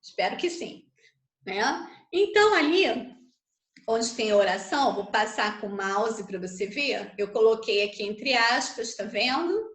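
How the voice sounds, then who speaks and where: A woman's voice: a little high, expressive, fairly bright tone. A Brazilian Portuguese woman teacher giving an online grammar lesson, explaining patiently and checking in with her students often. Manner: slow, patient explaining with frequent tag questions. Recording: echoey room.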